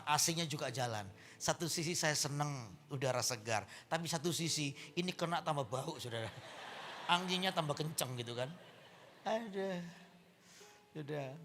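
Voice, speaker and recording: A man's voice: medium pitch, a little hiss or hum. A male pastor with an East Javanese Indonesian accent, telling a humorous story in a sermon and acting out the voices of the people in it. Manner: animated, acts out voices and shouts in anecdotes. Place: church sanctuary.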